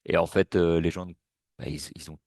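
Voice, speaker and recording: A man's voice: low voice, level tone, normal speed, gravelly, a little mellow, no room sound, studio quality. A man presenting a webinar in a casual, hesitant way, with many fillers and restarts. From Belgium.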